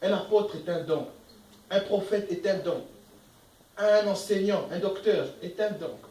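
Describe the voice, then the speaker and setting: A man's voice: high voice, unhurried, mellow, echoey room, far from the mic, slight background noise, rough recording. A man preaching a sermon as pastor, emphatic, asking the congregation questions and reading verses aloud. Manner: reads scripture verses aloud between comments. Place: church.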